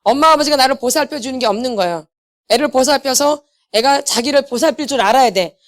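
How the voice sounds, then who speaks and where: A woman's voice: high-pitched, quick pace. A middle-aged woman lecturing at a church healing seminar, emphatic, quizzing her audience and slipping into blunt casual speech. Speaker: inner healing ministry lecturer. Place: church meeting hall.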